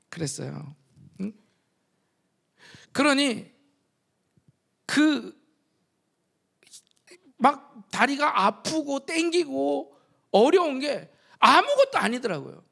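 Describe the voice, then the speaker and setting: A male pastor preaching a revival sermon, telling personal stories and moving from soft asides to shouted appeals. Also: extremely high pitch, creaky. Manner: storytelling, shifts from soft asides to shouted exhortation.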